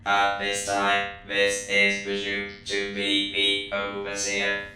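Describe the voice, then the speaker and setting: A stern security robot on duty, reading out its orders in a very low, completely flat monotone at an unhurried pace. The voice rings with a heavy echo. Loud music plays behind it. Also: male voice. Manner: flat, clipped, monotone announcements.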